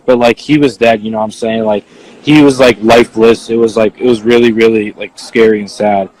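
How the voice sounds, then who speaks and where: A young man, an eyewitness, answering viewer questions in a casual, halting way, full of "like" and "you know.". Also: on the low side, steady tone, darkish tone, rough recording. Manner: halting, filler-heavy, leans on "like". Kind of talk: casual spoken account.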